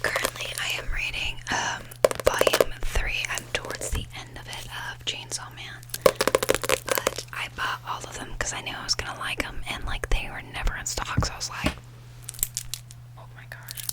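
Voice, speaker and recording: A woman's voice: normal speed, poor audio. Whispering woman doing nail-tapping ASMR. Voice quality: breathy unvoiced whisper. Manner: informal, slangy, sweary, rambling. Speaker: ASMR video host. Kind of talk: whispered ASMR, casual rambling chat. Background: nail tapping and page fluttering.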